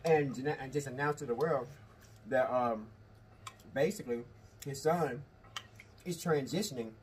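A man in his thirties giving opinions in casual chat, halting and repeating himself for emphasis. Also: medium pitch, distant mic, slight background noise. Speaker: co-host, the host's husband. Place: indoor studio, seated at a table of food.

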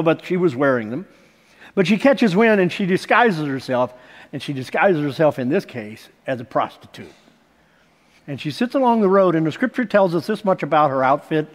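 A middle-aged man preaching on a large church stage, telling stories and building toward emphatic points. His voice sits high for a man. The hall's long reverb trails behind every phrase. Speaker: pastor. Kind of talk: sermon.

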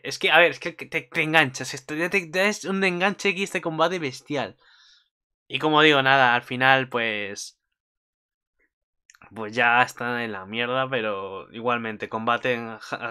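A man's voice: medium pitch, unhurried, pushed and bright, clean tone. A man giving a casual, rambling recap of an anime episode, swearing often and restarting his sentences. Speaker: anime commentator.

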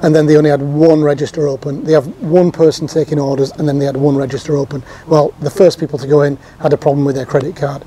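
A man's voice: on the high side, little pitch movement, fast talker, few pauses, mellow, a little hiss or hum. A man in his fifties giving a casual, chatty recap to camera from an outdoor patio sofa, with frequent ums and restarts. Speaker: theme park vlogger.

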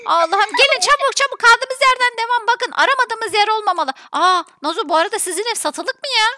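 A woman's voice: extremely high pitch, lively intonation, fairly quick, bright, forceful tone, no room sound, clean studio sound. A woman hosting a family game role-play as the mother, fussy and motherly, narrating her chores aloud and calling out in alarm when a child is missing.

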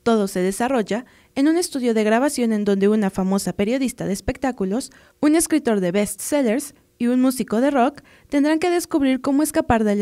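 A woman reporter from Mexico reads a scripted news voice-over with a mellow, rather high tone. Her delivery is measured and formal.

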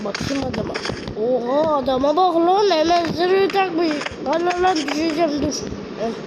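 A woman commenting on a game in casual, excitable chat, her voice worn from being sick. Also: high-pitched, moderate pace, heavy background noise. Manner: excitable, swearing, frequent exclamations. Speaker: gamer.

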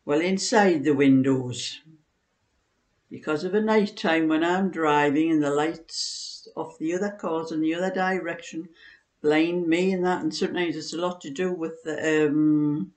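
A woman's voice: low-pitched, a little slow, a little mellow. A woman, chatting casually in a rambling, anecdotal way in her living room. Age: 60s. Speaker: knitting vlogger. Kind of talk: casual chat. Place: living room, seated on a sofa indoors.

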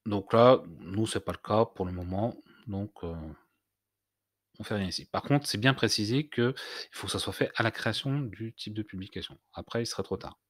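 Male tutorial host, low-pitched, halting delivery with fillers, dry close-miked sound. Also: no room sound. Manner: hesitant, many "heu" fillers and restarts. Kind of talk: screen-recorded software tutorial.

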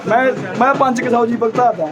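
A man's voice: extremely high pitch, fairly quick. A young man with a Punjabi accent bantering casually with friends in a hearty, mock-aggrieved, teasing way. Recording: loud chatter of a crowd. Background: loud group chatter.

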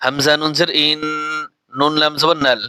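A man with a Bangladeshi accent teaching the Quran, spelling out Arabic letter by letter and then chanting each word in a slow, drawn-out way. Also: on the high side, steady tone, pushed and bright, smooth, no echo. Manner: slow, deliberate, drawn-out recitation.

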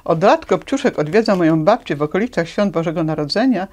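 A woman's voice: on the low side, animated, fast. Woman reading as a cheerful little red-hooded girl. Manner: warm, inviting.

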